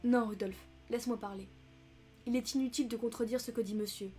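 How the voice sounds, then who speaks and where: A woman's voice: on the high side, steady tone, fairly quick, mellow, soft background music, close to an everyday voice. A woman reading as a composed proud countess. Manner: composed, restrained intensity. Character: dignified young countess, controlled and passionate.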